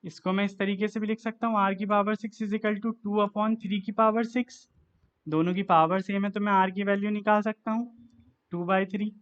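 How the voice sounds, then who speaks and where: A man's voice: high voice, flat delivery, normal speed, a bit bright, smooth, muffled recording. A man teaching a maths lesson, working through sums aloud step by step and asking himself each next step.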